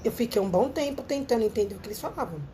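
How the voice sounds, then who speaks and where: A woman's voice: fairly high pitch, expressive, very fast, warm tone, a little hiss or hum. A Brazilian woman with a Brazilian Portuguese accent, chatting animatedly to listeners on a live show. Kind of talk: casual live talk with storytelling. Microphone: phone livestream.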